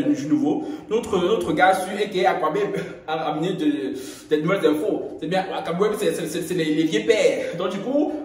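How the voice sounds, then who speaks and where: A young man chatting casually in a gossip vlog, playful and laughing often, recorded on a phone in his bathroom at home. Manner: playful, laughing often, animated swings in pitch. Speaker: gossip YouTuber. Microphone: camera or phone while doing skincare. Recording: very echoey room.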